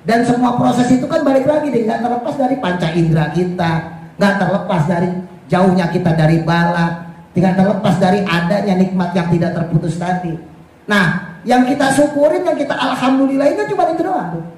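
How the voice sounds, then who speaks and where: A man preaching a casual, lively sermon, acting out dialogue with playful humor. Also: high voice, normal speed. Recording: very echoey room with faint noise.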